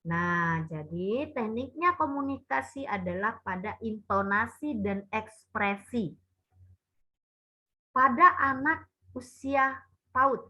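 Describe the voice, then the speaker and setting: A woman's voice: fairly high pitch, husky. Woman giving parenting advice, dull lo-fi sound. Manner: addresses listeners as Bapak Ibu, acts out mother and child lines. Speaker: parenting speaker. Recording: dull lo-fi recording.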